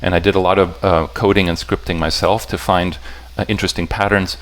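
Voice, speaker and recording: Speaking flatly in a low voice, a puzzle setter addresses a convention audience in halting bursts. He corrects himself mid-sentence and pauses to ask the listeners if they're with him.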